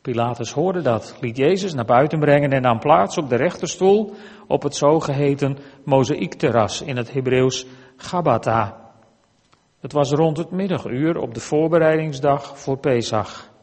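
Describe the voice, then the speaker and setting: A man at mid pitch reading scripture aloud in a measured, deliberate way. His voice carries through a church with a long reverb behind each phrase. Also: darkish tone, slightly rough. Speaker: scripture reader.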